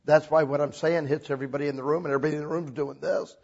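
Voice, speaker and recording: A man preaching a sermon in a church hall, animated and casual, mixing jokes into his message. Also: on the high side, very fast, creaky, breathy edge, dull audio. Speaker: pastor.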